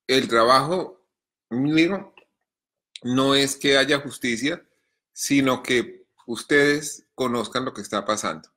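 Man, bright clear voice, measured column reading, coughing. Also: medium pitch. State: coughing fits. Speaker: journalist columnist. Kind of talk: reading his column aloud, then answering viewer questions.

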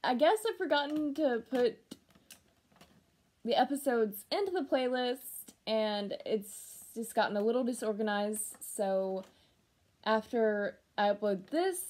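Young woman with a somewhat high voice, casual home vlogger, halting delivery with sentences that trail off. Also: a little mellow. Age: young adult. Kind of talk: casual channel update to camera. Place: small room at home, indoors.

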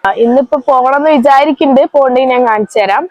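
Casting: female casual vlogger, Kerala Malayalam accent, high-pitched, chatty, talking straight to viewers. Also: rapid-fire, dry recording, muffled recording. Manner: chatty, addresses viewers and companions directly. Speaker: vlog host.

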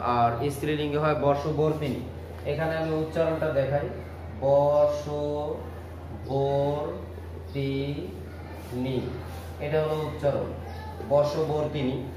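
A man with a Bangladeshi Bengali accent teaching a vocabulary lesson, explaining word meanings slowly and repeating each word. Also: a little high. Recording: echoey room with clear background noise.

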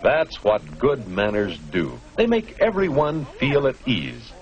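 A medium-pitched man narrates slowly, his pitch swooping wildly, in the instructive style of a 1950s educational film full of rhetorical questions for the audience. The sound is a noisy old film soundtrack from that decade.

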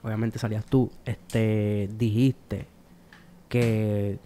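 A man's voice: fairly low pitch, little pitch movement, drawn-out words, warm tone, slight background noise. Hesitant male interview host. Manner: hesitant, restarts with "este". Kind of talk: interview questions.

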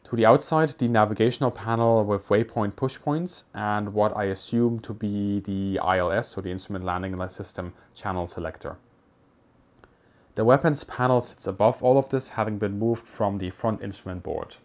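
A man with a fairly low voice narrates in a measured, explanatory way. His delivery is scripted and steady, like a guided documentary walkthrough recorded as a voice-over. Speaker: presenter. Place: voice-over, not recorded in the pictured cockpit.

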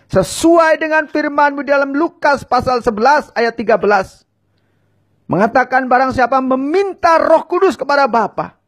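A man's voice: very high voice, fairly bright tone. A man preaching and leading viewers in a fervent prayer, giving short lines for them to repeat. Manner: speaks in tongues.

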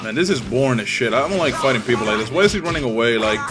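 A young gaming YouTuber of Dominican background racks up profane trash talk in casual live commentary over his own online match, with game music behind him. His medium-pitched voice is expressive and racing.

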